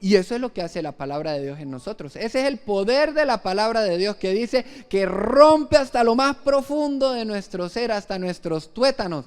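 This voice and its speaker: High-voiced earnest male pastor preaching. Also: lively intonation, moderate pace, hardly any pauses, clean tone. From Venezuela. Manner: earnest storytelling with restarts. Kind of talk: live sermon. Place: church service.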